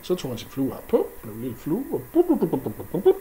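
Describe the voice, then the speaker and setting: A male storyteller retells an old myth without a script. He talks casually, with fillers and playful mouth sound effects. His voice is lively and sits a little high for a man.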